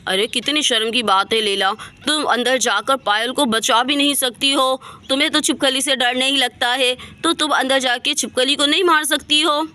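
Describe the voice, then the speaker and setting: A woman's voice: sits high, fairly even intonation, normal speed, hardly any pauses, pushed and bright. Woman doing Mirza, a flustered village husband. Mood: reproachful. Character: village husband, young man, fussy and flustered.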